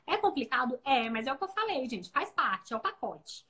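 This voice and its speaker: A woman giving parenting advice in a casual live chat, animated, acting out parents' and children's voices. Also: high voice, normal speed. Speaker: guest parenting educator. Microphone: video call.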